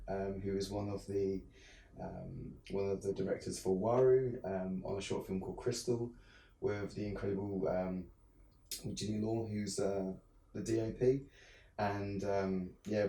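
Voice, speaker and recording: A young man from the south of England, speaking with a southern English accent, is a filmmaker being interviewed. He chats in a relaxed way, with plenty of ums and restarts. His fairly low voice sounds roomy and distant from the mic, and the audio is poor.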